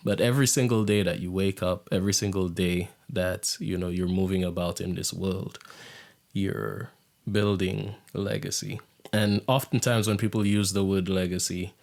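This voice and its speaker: Guy hosting a podcast, deep gravelly voice, soft and thoughtful. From Saint Lucia. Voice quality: low gravelly voice. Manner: reflective, soft-spoken, drops into hushed near-whisper. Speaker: podcast host. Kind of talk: casual monologue.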